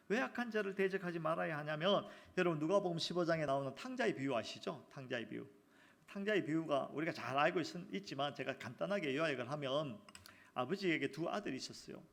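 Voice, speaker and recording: A male pastor preaching a sermon in a church, animated and asking the congregation questions. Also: a little high, gravelly. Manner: animated, acts out quotes, asks the congregation questions.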